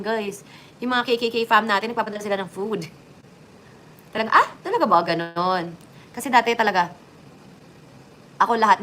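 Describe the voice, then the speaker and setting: A woman chatting casually to her viewers as a vlogger, joking and swinging her voice up and down. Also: a little hiss or hum. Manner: chatty, lively swings in pitch and loudness, joking asides.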